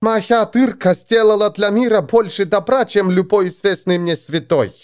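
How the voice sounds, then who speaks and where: A man voicing a crude, boisterous female warrior in an audiobook, pitching his voice up. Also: steady tone, moderate pace, clean tone, natural voice. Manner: loud, crude, exaggerated high voice.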